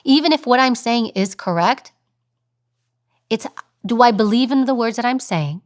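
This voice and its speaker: A woman in her thirties, a podcast guest, talking with animated storytelling. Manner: animated storytelling, acts out high fast voices. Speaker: guest, former agent and news presenter. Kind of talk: interview conversation.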